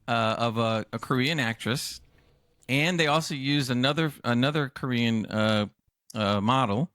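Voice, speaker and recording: A man co-hosts a casual gaming podcast, laying out firm opinions while tripping over his own restarts. His voice sits in a middle pitch and the recording is dry and close, with no room around it. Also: unhurried, fairly bright tone, dry recording. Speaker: podcast co-host. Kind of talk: casual chat about video games.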